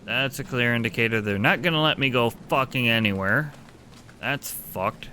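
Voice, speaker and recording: Sarcastic man with a bright, forceful voice. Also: medium pitch, normal speed, slight background noise. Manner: sarcastic, sweary. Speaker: game streamer. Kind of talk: casual let's-play commentary.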